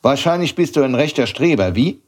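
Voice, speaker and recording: A man reading an audiobook, voicing a gruff, grumpy old bookseller who growls and scolds as he questions a boy. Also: mid-range voice, animated, fairly quick, voice pushed up, lightly acted.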